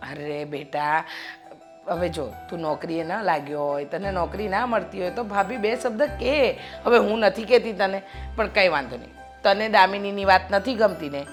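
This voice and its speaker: A woman's voice: mid-range voice, close to an everyday voice. An actress playing a middle-aged mother-in-law who lectures her son and scolds her daughter-in-law. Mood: soothing.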